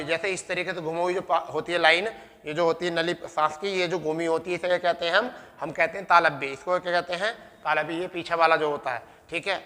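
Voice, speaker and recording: High, bright-voiced male Hindi teacher. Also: in a large hall. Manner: repeats questions and answers, addresses students as "beta". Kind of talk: exam-prep lesson.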